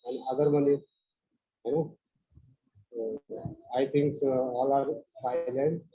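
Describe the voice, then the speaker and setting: Male moderator, Indian accent, soft dark tone, halting and repetitive, lo-fi conference audio. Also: medium pitch, fairly even intonation, husky. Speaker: workshop host. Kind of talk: unscripted moderating of an online session. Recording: dull lo-fi web conference audio.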